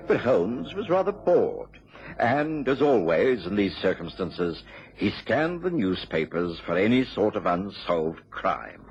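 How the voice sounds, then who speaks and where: An actor playing a genial, earnest doctor who narrates a radio drama in a gentlemanly storytelling manner. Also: male voice, fairly low pitch, big pitch swings, unhurried, husky, heavily acted. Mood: reminiscing. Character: genial, earnest doctor chronicling his detective friend's cases. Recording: dull lo-fi radio recording. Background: music.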